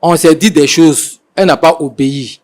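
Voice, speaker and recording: A young man, a husband, defending himself in a halting way that keeps circling back to the same points. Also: fairly high pitch, darkish tone. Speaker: husband being mediated. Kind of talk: defensive explanation on a mediation show.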